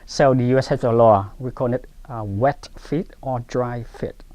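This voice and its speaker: A man's voice: mid-range voice, a little slow, mellow, no echo, faint music behind. A man who was once a refugee, explaining a law in a conversational, step-by-step way during an interview.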